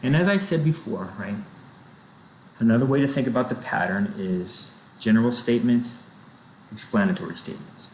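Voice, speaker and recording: A man's voice: medium pitch, moderate pace, pauses often. Man teaching a writing lesson, roomy sound. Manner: explains step by step, checks in with "right?" and "okay?". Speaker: writing instructor. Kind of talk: recorded classroom lecture. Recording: roomy echo, faint noise.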